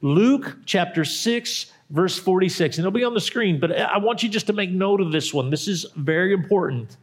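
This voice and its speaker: A male pastor preaching a sermon, repeating key phrases and dropping to a hush at times. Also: sits high, brisk.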